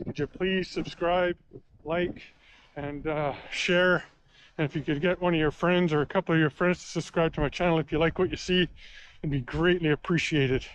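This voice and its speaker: A man's voice: on the high side, muffled recording. A man chatting casually to his vlog audience while out walking, talking into strong wind on a camera's built-in microphone. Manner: talking into strong wind, with throat-clearing and puffing. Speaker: vlogger testing camera microphones. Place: outdoors by a river in strong wind. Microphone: built-in action camera microphone.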